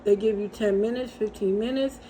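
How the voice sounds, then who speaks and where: A middle-aged woman with a medium-pitched, mellow voice speaks at a moderate pace, hosting a casual faith-based encouragement talk. As host and encourager, she talks conversationally, repeating herself and adding storytelling asides. The audio is rough, with a little hiss or hum.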